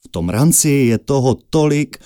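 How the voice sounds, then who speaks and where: A man's voice: mid-range voice, expressive, warm tone, clear, resonant tone, no room sound, clean studio sound, pitched above the performer's own voice, natural voice. A man voicing a bold, very strong twelve-year-old boy in a fairy tale, speaking eagerly and raised. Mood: determined.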